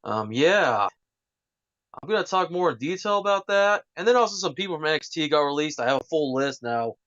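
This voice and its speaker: A man's voice: on the high side, expressive, a little fast, a bit bright, no echo, highs cut off. A man hosting a casual live stream chat, rambling with many fillers and self-corrections, talking into a wired headset. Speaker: livestream host.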